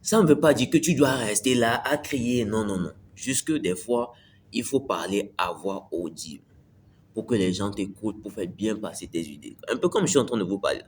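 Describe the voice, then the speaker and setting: A man's voice: on the low side, lively intonation, normal speed, a little hiss or hum. A man giving a casual motivational talk to camera, repeating his points and checking the listener follows. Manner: conversational, repeats phrases, asks "tu me suis". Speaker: self-improvement video host.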